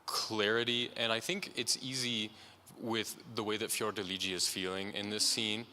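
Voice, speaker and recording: A man's voice: lowish voice, little pitch movement, moderate pace, sharp tone, a little hiss or hum. A man coaching a singer in an opera master class, encouraging and checking in often. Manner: breaks into sung and spoken musical phrases to demonstrate. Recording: long hall reverb, faint ambience.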